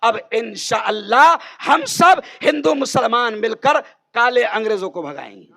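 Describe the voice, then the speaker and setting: A man delivering a fiery campaign speech at a political rally, shouting call-and-response lines to the crowd. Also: very high-pitched, animated, unhurried, gravelly.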